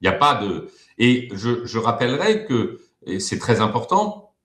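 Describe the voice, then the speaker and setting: Man, interview guest, hesitant, frequent fillers, roomy echo, mid pitch. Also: big pitch swings, moderate pace, a bit bright. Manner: hesitant, many fillers and repeated words. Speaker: guest expert. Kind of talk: web TV interview.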